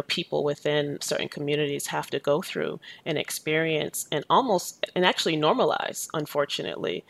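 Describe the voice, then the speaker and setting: Earnest woman with a gravelly edge. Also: deep voice, no echo. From Jamaica. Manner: thoughtful, earnest, many "you know" fillers. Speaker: educator and activist, interview guest. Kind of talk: reflective interview answers.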